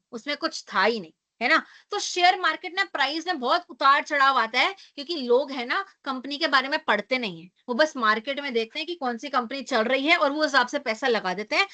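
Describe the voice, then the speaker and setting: A young woman teaches an online class in a high, bright, forceful voice that is hoarse because she is losing it. She explains through rhetorical questions and often tacks on a tag question.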